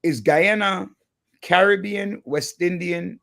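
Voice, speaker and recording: A man's voice: high-pitched, slow, vocal fry, sharp tone. A man hosting a radio talk show, asking questions casually with a few restarts. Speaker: host.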